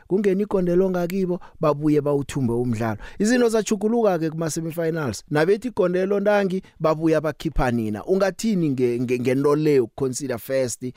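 A South African man hosting a sports radio show, talking through news and interviews conversationally with drawn-out pauses. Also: mid-range voice, darkish tone, dry recording, clean studio sound.

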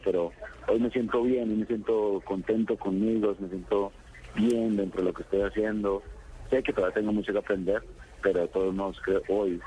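A middle-aged football coach from Colombia giving a phone interview on sports radio, halting and reflective, with many pauses and fillers. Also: male voice, deep voice, a little mellow, rough recording.

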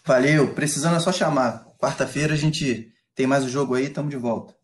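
Brazilian guy reporter chatting football, medium pitch, halting as he puts thoughts together. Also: fairly even intonation. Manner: halting, pieced-together phrasing. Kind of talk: casual spoken analysis.

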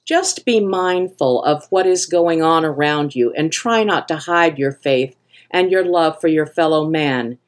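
Older female host, low-pitched, earnest and impassioned essay reading. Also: unhurried. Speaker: podcast host.

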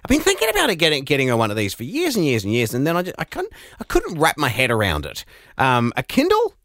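A man's voice: fairly high pitch, huge pitch swings, fast, a bit bright, dry recording, clean studio sound. A man co-hosting a podcast, telling jokey stories in a casual chat and laughing at them. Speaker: podcast co-host.

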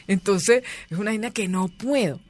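A woman, a guest in an interview, telling stories in a lively, chatty way and acting out the voices of the people she quotes. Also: mid-range voice, normal speed. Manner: animated storyteller, acts out quoted voices. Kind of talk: casual interview storytelling.

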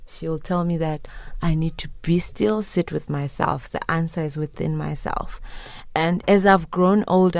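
Brief: young woman from Zimbabwe, low voice, earnest radio guest, dry close sound. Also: dry recording. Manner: earnest, reflective, with soft laughs. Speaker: singer-songwriter guest. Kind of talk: radio interview.

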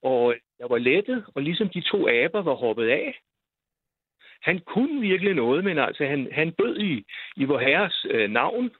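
An older man tells a personal story over a tinny phone line, rambling casually with lots of hesitations and repeated words. His voice is fairly high with big pitch swings and a breathy edge, and there's no room sound.

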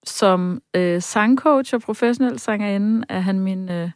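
A woman's voice: medium pitch, no echo, clean studio sound. A woman who works as a vocal coach, talking in a casual interview with lots of fillers and bursts of sung examples. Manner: lively, demonstrative, often sings out examples; frequent hesitation fillers. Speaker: vocal coach and session singer.

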